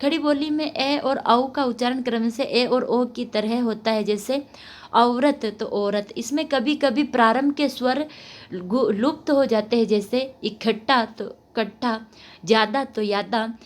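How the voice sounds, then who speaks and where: Female lesson reader, voice sits somewhat high, repeats example words with careful clarity. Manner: reads each example word twice, slowly and clearly. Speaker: teacher. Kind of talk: reading a Hindi literature lesson.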